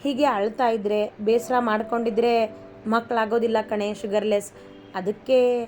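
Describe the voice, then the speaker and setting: A woman voicing a young husband who is tender and teasing. He speaks quickly and coaxingly in a storybook reading. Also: fairly high pitch, steady tone, a little mellow, a little hiss or hum, close to an everyday voice.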